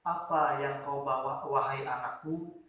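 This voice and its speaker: A man voicing a stern mother who speaks slowly and firmly as she turns her son away. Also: mid-range voice, fairly even intonation, fairly bright tone, close to an everyday voice. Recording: echoey hall, distant mic.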